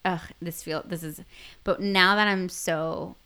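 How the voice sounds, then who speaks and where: A woman in her thirties chats as an interview guest, her thoughts wandering and trailing off through lots of fillers. Her voice sits a little low yet sounds bright and forward. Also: fairly even intonation, unhurried. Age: 30s. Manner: rambling, trailing off with many fillers. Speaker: hairstylist guest. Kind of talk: casual interview chat.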